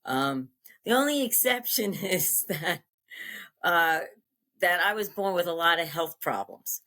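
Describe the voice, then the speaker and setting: An older woman from Long Island, New York, telling personal stories casually as a podcast guest, halting and repeating her phrases. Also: on the low side, animated, pushed and bright.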